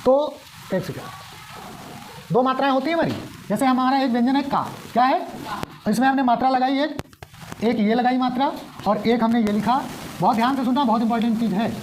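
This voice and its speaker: A woman's voice: sits high, darkish tone, a little hiss or hum. A woman teaching a lesson, who keeps asking the class questions and then answering them herself. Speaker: Hindi teacher. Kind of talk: explaining at a whiteboard.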